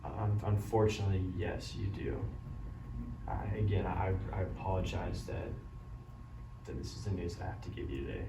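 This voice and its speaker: Man acting as low-voiced doctor gently breaking bad news. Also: normal speed, creaky. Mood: gentle, apologetic. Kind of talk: amateur role-play of a medical consultation. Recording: roomy, distant mic, loud background noise.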